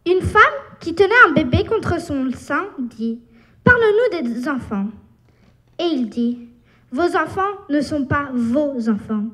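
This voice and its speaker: Woman reading a poem out loud, slow and measured, high voice. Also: lively intonation. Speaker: workshop participant. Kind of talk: reciting a poem aloud.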